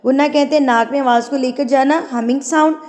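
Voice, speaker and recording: A woman from Pakistan, teaching Quran tajweed: she recites verses slowly and measuredly, then explains the rules in quick talk. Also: high voice, steady tone, a little mellow, long reverb tail.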